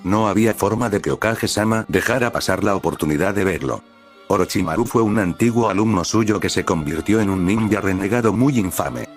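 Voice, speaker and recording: A man reading fan fiction aloud as storybook narration, at a steady, even pace. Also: on the low side, a little fast, soft background music.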